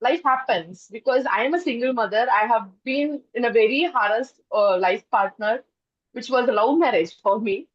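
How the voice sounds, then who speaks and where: A woman, a workshop participant, sharing her story in an earnest, emotional, halting way over a video call. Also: fairly high pitch, dry recording, dull audio.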